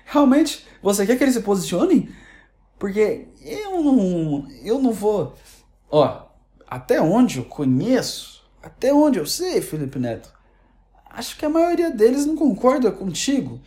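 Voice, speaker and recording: A woman's voice: medium pitch, sing-song, measured pace, mellow. Sarcastic, rambling Brazilian woman. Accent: Brazilian Portuguese. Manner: sarcastic, rambling with many restarts. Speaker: online commentator. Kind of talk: casual opinion rant.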